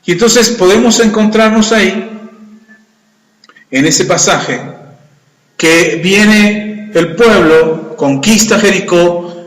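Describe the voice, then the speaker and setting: A man preaching a sermon, retelling scripture with animated, acted-out dialogue. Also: sits high, takes it slowly, pauses often. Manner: animated storytelling, acting out voices in quotes. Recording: echoey hall with long reverb.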